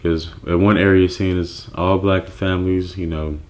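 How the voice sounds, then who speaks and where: Recounting his path as a clothing brand founder, this man, born in Nigeria and raised in the United States, sounds relaxed and reflective, with frequent fillers and restarts. His voice sits low and moves at normal speed.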